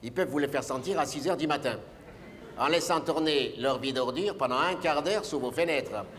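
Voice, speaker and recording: A man's voice: on the high side, normal speed, a bit bright. An older man performing a comic stage monologue, rambling and grumbling, with constant asides to the audience. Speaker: comedian. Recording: live stage recording with long reverb and faint noise.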